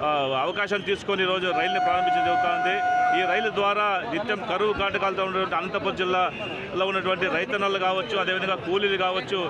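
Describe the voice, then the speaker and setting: A man's voice: high-pitched, flat delivery, quick pace, over a noisy crowd. A man with a Telugu accent speaking to reporters outdoors at a railway station event, talking in loose, restarting phrases. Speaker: public official at a train launch.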